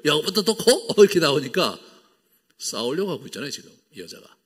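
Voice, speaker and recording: A man's voice: a little high, big pitch swings, fast, slightly rough, big-room sound. A male pastor preaching a sermon. He talks animatedly, acts out the dialogue in playful voices and uses lots of fillers. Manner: lots of fillers, wide swings in loudness. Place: church sanctuary.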